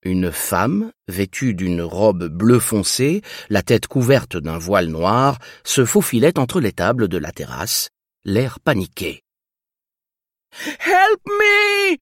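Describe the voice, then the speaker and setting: A man reading a novel aloud as narrator, in an expressive, measured way. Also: lowish voice, husky, no room sound, clean studio sound. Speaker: audiobook narrator. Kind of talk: scripted narration.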